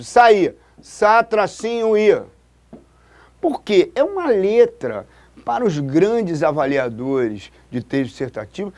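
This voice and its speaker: A man from Brazil, a writing teacher giving a lesson at a board, pointing things out as he writes. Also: sits high. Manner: demonstrative, keeps pointing with "look". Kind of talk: classroom-style lesson at a board.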